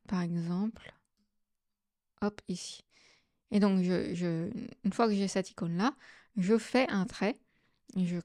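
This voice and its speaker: Casual woman walking through software steps. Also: medium pitch, dry recording, clean studio sound. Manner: casual, step-by-step explaining with fillers. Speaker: astrophotography tutorial host. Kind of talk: screen-recorded software tutorial.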